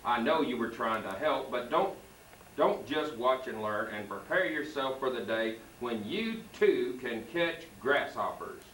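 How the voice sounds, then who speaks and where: A man's voice: medium pitch, animated, unhurried, a bit bright, slight background noise. A man reading a children's book aloud at a school program and cueing the student readers, heard on an old home video. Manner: reads the story and cues the student readers. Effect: old home video tape sound. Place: school hall. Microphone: far camcorder mic. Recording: echoey hall taped from far off.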